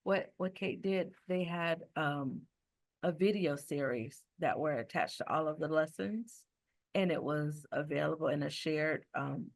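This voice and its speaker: A woman teacher speaking on a panel, recounting her experience in a relaxed, thorough way over a video call. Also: deep voice, unhurried, gravelly. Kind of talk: panel discussion.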